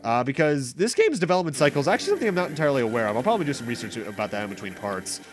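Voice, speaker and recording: Racing along in a sing-song, mid-range voice, this man hosts a video game playthrough series. His commentary is casual and rambling, mixing explanations with on-the-fly corrections, set against game music.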